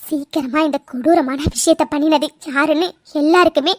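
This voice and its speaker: A woman's voice: high voice, normal speed, lightly acted. A woman voicing a scheming, tearful sister-in-law in a cartoon, pleading and swearing oaths. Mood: solemn. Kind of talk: cartoon voice acting.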